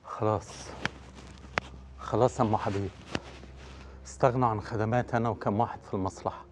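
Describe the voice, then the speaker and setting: A man's voice: fairly low pitch, steady tone, quick pace, background noise, lightly acted. An actor playing a middle-aged father with an Egyptian accent, bitter and despairing over losing his job, breaking into choked, breathless outbursts. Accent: Egyptian Arabic. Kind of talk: Egyptian TV drama acting.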